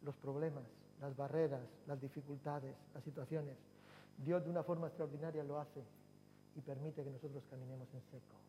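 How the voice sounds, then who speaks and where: A man's voice: mid-range voice, steady tone, moderate pace, warm tone. A man preaching a sermon as pastor, building to emphatic cries and repeating key phrases. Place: church hall. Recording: long hall reverb, faint hum.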